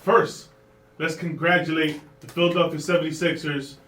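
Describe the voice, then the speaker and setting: A man's voice: a little high, little pitch movement, moderate pace, a bit bright, reverberant, recorded from a distance, slight background noise. A man co-hosting a radio show, chatting easily about sports. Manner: easygoing, chatty sports talk. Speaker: radio co-host. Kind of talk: casual radio banter.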